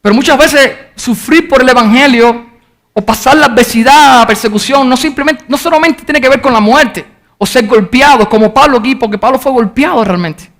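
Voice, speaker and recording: A man preaching an earnest sermon as pastor, reading scripture aloud and shouting out the crowd's cries when he retells them. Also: extremely high pitch, moderate pace.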